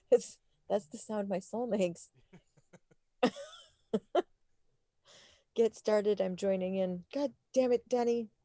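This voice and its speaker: A woman's voice: medium pitch, takes it slowly, long pauses, no room sound, clean studio sound. A woman co-hosting a podcast in casual chat, laughing and swearing freely as she tells stories. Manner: swearing, laughing, animated storytelling. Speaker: podcast co-host.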